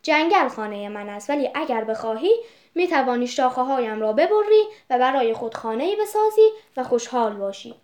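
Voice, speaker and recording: A woman's voice: sits high, lively intonation, darkish tone. Woman reading as a selfless old tree. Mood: tender.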